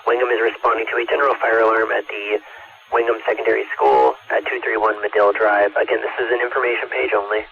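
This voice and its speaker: A man's voice: lowish voice, level tone, fast talker, gravelly. A man working as a fire dispatcher, talking in formal, procedural radio dispatch style over a two-way radio. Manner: formal, procedural, repeats details back. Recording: muffled dispatch radio with static hiss.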